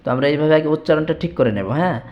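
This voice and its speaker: A man's voice: a little high, animated, rapid-fire, highs cut off. A man giving an online religious lesson, spelling out the Arabic of a prayer letter by letter, with frequent hesitations. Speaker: religious teacher. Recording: echoey room with long reverb.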